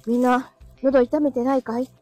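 A woman's voice: sits high, steady tone, normal speed, warm tone, faint music behind. Chatty woman live-streaming, laughing often. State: dry throat. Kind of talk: casual live chat reading comments.

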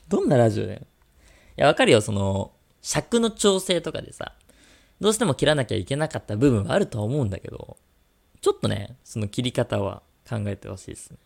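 Male podcast co-host, casual teasing banter, animated pitch, some vocal fry. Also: brisk. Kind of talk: casual radio-style chat.

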